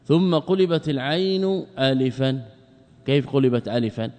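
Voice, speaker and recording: A man, a religious scholar, teaching a class. He asks rhetorical questions, answers them himself, and stretches out words slowly for emphasis. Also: mid-range voice, animated, warm tone, long reverb tail. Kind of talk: explanatory lecture.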